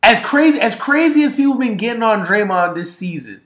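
Male co-host, casual sports banter, lively and somewhat high voice, roomy echo. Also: brisk. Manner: animated, rising with excitement. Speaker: podcast co-host.

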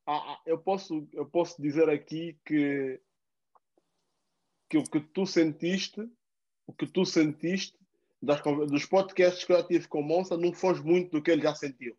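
An easygoing man hosts a casual podcast, his voice a bit higher than most men's. He offers encouragement in relaxed slang. The sound is dull and lo-fi. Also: normal speed. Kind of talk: casual chat.

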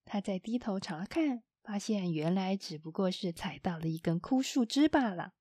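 A woman narrating a children's storybook in a gentle, expressive storytelling manner. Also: mid-range voice, moderate pace, husky, dry recording, studio quality.

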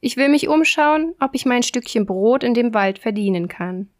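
A small, boastful tailor, voiced by a woman speaks in a bright, high, cheeky way. He shows off with cocky pride in this fairy tale. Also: lively intonation, normal speed, natural voice. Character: boastful little male tailor, cheeky braggart.

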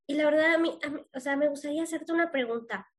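Woman podcast host, high voice, gentle, careful questions. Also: quick pace. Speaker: interviewer.

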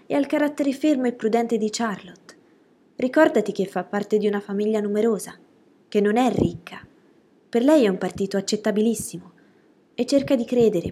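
Woman reading as gentle young sister, sweet, forgiving, earnest, a little higher and brighter, soft husky edge. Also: natural voice. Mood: soothing.

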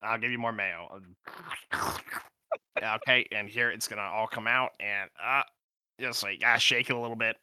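A man's voice: fairly low pitch, steady tone, moderate pace, pauses often, pushed and bright, smooth, no echo, clean studio sound. A man playing a tabletop game, joking crudely and talking casually. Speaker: player. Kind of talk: tabletop role-play chat. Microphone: home podcast mic.

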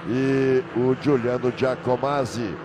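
A man's voice: medium pitch, steady tone, slow pace. A man commentating live on a car race as a motorsport commentator, emphatic and repeating names and phrases. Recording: loud engine and trackside ambience noise.

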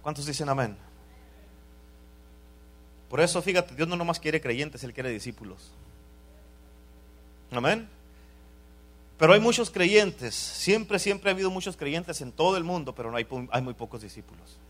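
A man preaching a sermon as pastor, swinging from loud calls to quiet asides and punctuating his points with "amén". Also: fairly high pitch, animated, moderate pace, pauses often. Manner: repeated "amén" calls to the congregation.

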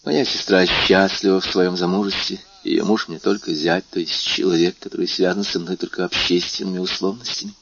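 A man reading a novel aloud and voicing a young man who calmly and solemnly says farewell to the woman he loves. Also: fairly quick, hardly any pauses, noisy background. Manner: calm, solemn, low-voiced. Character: young man, grave and resigned lover. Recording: dull lo-fi recording.

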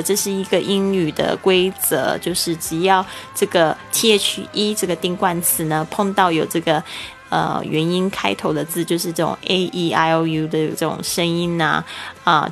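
A woman teaches a podcast lesson, patiently explaining and spelling out words letter by letter. Her voice has a gravelly, fry-touched edge. Soft music plays faintly behind her. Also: lowish voice. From Taiwan. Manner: explanatory, spells words out letter by letter, repeats English phrases slowly. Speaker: English teacher and podcast host.

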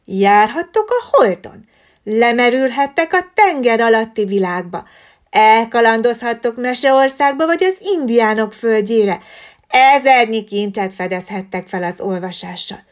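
Kind owl schoolteacher from a storybook, patient and gently explaining, read by a woman. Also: on the high side, lively intonation, close to an everyday voice.

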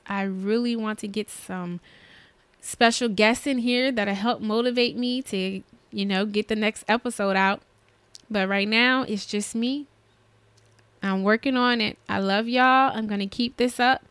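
A woman's voice: fairly high pitch, steady tone, measured pace, fairly bright tone, clear, resonant tone, no echo. A woman hosting her own podcast, talking in an earnest, chatty, motivational way about her schedule and her goals. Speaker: podcast host. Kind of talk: solo podcast monologue.

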